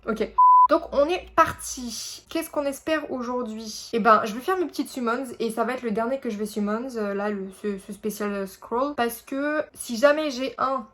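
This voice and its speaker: A woman's voice: fairly high pitch, moderate pace, a bit bright. A young woman chatting casually over mobile game summons, rambling with many fillers and self-corrections. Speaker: gaming YouTuber. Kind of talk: casual gameplay commentary.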